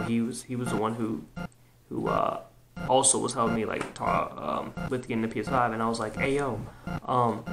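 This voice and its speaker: A young man hosting a reaction video, telling a story in a loose, slangy, casual way that repeats itself. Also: medium pitch. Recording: noisy home recording with clicks.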